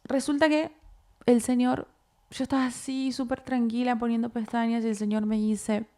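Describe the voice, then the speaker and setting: Creaky-voiced Uruguayan woman telling a story. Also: fairly high pitch, moderate pace. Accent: Uruguayan Spanish. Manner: animated, acts out her own inner dialogue. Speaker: co-host. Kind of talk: casual testimony storytelling.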